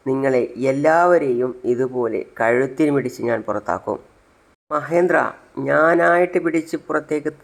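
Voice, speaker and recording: Arrogant bully figure, slow and gravelly, narrator putting him on. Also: male voice, medium pitch, lightly acted. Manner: sneering, bossy. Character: arrogant man throwing someone out.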